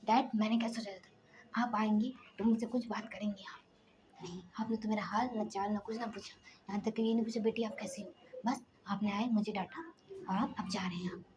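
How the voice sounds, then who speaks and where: Headstrong young trainee girl, read by a woman storyteller; cheeky or tearful, slightly high voice, hissy recording. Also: fairly even intonation, moderate pace, long pauses, natural voice. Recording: noisy background hiss.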